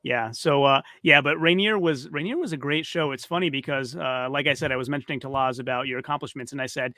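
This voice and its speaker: A man's voice: mid-range voice, fast, sharp tone, no echo, clean studio sound. A man hosting a casual interview over a video call, friendly and rambling. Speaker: podcast host.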